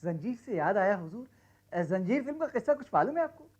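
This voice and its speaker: A fawning boastful speechwriter. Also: male voice, high voice, big pitch swings, fairly quick, highs cut off, loud music behind the voice. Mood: sly. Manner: boastful tall-tale telling, fawning "huzoor". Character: boastful scheming speechwriter, storyteller.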